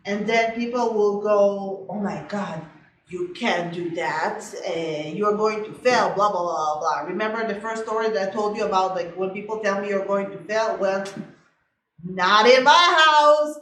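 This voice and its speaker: A woman realtor chatting casually and animatedly to the camera, full of "like" fillers, on low-quality sound because the mic died. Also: normal speed, fairly bright tone, slight background noise. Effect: low-quality sound after the mic died. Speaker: realtor, co-host of a couple's channel. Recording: distant, echoey room sound.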